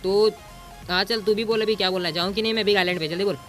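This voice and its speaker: Bossy, bright-voiced man narrating gameplay. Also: high voice, fairly even intonation, racing, faint music behind. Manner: bossy and teasing, mixes in English exclamations. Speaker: gaming YouTuber. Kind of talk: casual gameplay commentary.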